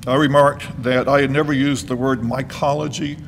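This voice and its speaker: A man delivering a eulogy as a professor, speaking and reading aloud in a solemn, measured manner with a gravelly voice. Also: steady tone. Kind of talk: eulogy speech, partly read aloud. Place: large reverberant hall. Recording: noisy, reverberant hall with low rumble.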